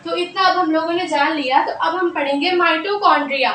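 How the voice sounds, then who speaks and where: A woman's voice: extremely high pitch, brisk, fairly bright tone, slight background noise. A woman teaching a biology class, repeating key terms and asking questions she then answers herself, and slipping English phrases into her talk. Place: room with a board. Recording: echoey room, mic at a distance.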